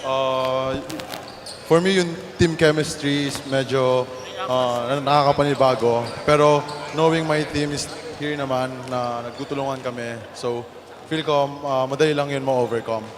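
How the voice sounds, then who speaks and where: A man in his twenties with a Filipino accent, answering haltingly as an interviewed athlete. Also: medium pitch, steady tone. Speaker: basketball player being interviewed. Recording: reverberant gym with court noise.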